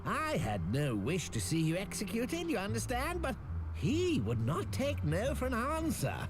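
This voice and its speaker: A man's voice: high voice, huge pitch swings, unhurried, noisy background, heavily acted. A man playing a smug, scheming merchant magnate in a video game, with a pompous, oily grand-vizier delivery and archaic, formal phrasing. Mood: smooth, condescending. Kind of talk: scripted game dialogue, archaic formal diction. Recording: music behind the voice.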